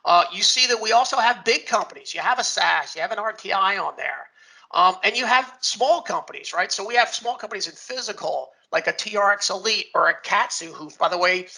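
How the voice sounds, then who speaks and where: A man with a gravelly, fairly high voice and a bright, forceful edge gives an informal presentation. He talks in a folksy, emphatic way as he hosts the event. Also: lively intonation, fairly quick, poor audio. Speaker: presenter and moderator of a launch event.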